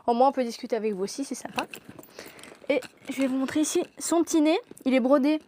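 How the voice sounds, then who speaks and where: A woman's voice: high voice, quick pace, mellow, a little hiss or hum. A young woman presenting products in a shop during a live stream, gushing and laughing often.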